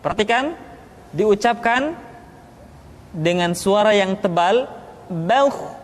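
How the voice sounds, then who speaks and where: A man teaching Quranic letter pronunciation, speaking slowly and deliberately, drawing out each demonstrated syllable. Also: sits high, animated. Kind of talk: pronunciation lesson. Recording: long reverb, echoey room.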